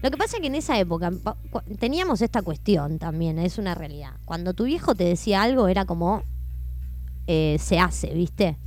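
A woman's voice: lowish voice, a little fast. A woman with an Argentine accent, co-hosting a radio chat show and animatedly acting out family stories. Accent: Argentine Spanish. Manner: animated, acts out family scenes. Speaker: co-host. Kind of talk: casual radio chat, storytelling.

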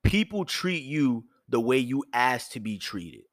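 A man hosting his own show, giving blunt, profane dating advice in a firm yet soft tone, with features. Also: medium pitch, sing-song, measured pace, no echo, studio quality. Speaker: host. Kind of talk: direct advice monologue.

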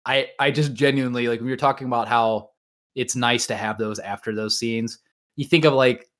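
Medium in pitch and a bit bright, his voice stays fairly even at normal speed as he hosts a podcast. He talks informally about visual novels and anime, hedging much of what he says.

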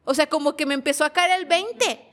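A woman's voice: high-pitched, fairly quick, fairly bright tone. Mexican woman recounting a painful past. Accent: Mexican Spanish. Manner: emotional, repetitive storytelling. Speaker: guest. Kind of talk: personal testimony in a podcast interview.

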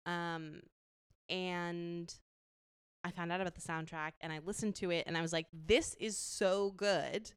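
Woman chatting about movies, very clear voice, dry close sound, lots of likes and ums. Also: lowish voice, level tone, moderate pace, dry recording. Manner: chatty, many fillers and restarts. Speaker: podcast co-host. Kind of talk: casual movie chat.

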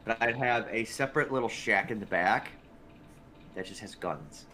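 A man's voice: lowish voice, normal speed, bright, forceful tone, a little hiss or hum. Profane rambling podcast guy. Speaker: podcast co-host. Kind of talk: casual podcast chat.

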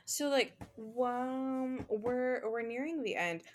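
A woman's voice: on the high side, takes it slowly, slight background noise. A young woman chatting casually, earnest and reassuring, walking listeners through things step by step. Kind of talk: casual chat.

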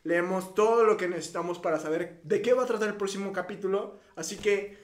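Excitable high-voiced man, roomy echo. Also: a little fast. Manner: excitable, swearing, bursts into shouting. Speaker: podcast co-host; music producer and DJ. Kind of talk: casual chat.

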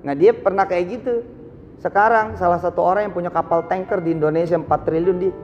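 A man preaching a live sermon, telling stories with sudden swings from low asides to high exclamations. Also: steady tone, brisk, long reverb tail, muffled recording, faint music behind. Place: large hall, live event.

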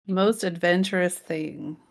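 A woman with a slightly low voice chats on a podcast, putting questions to the guest in a relaxed, wry tone. Her delivery is plain and conversational. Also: takes it slowly, vocal fry. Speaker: podcast co-host. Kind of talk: casual chat.

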